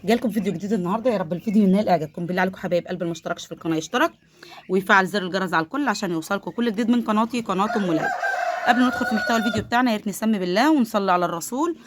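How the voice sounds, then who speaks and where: A woman with an Egyptian Arabic accent vlogs casually from her poultry coop, holding her phone while filming and talking to viewers in a rapid-fire, mid-range voice over a slight hiss or hum. Chatty and devout, she's full of blessings, nervous and laughing as she handles a biting duck.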